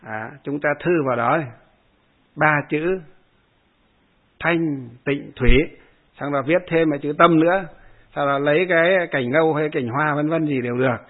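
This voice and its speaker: A man's voice: fairly high pitch, normal speed. A man, a Buddhist monk, giving a dharma talk that answers a follower's question, explaining step by step with many hesitation fillers and short chanted verses. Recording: husky voice over tinny phone-like line.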